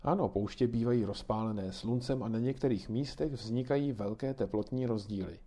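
A man's voice: mid-range voice, warm tone, lightly acted. A man reading aloud and voicing a kindly grandmother who patiently explains things to children. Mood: patiently explaining.

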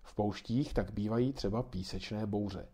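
A man's voice: lowish voice, dark tone, slightly rough. A man reading aloud and voicing a kindly grandmother who patiently explains things to children. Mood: patiently explaining.

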